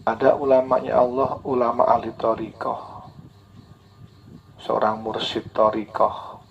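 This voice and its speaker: Guy preaching, gravelly voice, dull lo-fi recording w/ faint hiss. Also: mid-range voice. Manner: earnest, repeats key phrases, acts out tearful prayers. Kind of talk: sermon.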